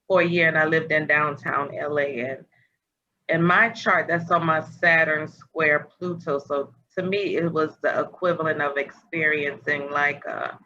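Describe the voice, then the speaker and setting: A woman's voice: sits low, steady tone, measured pace, sharp tone. A woman hosting a casual spiritual conversation over a video call, meandering and searching for words. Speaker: podcast host. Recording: dull lo-fi audio with faint noise.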